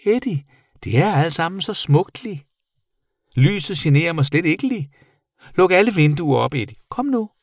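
A man doing a squeaky cheerful little bat girl. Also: no echo, studio quality. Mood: excited. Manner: high squeaky excited voice, adds a "lige" tic. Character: small cheerful female magic bat.

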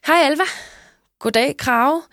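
A woman's voice: high-pitched, a bit bright, no echo, clean studio sound, pitched above the performer's own voice. A woman doing a chirpy teasing girl. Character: cheerful, chatty girl.

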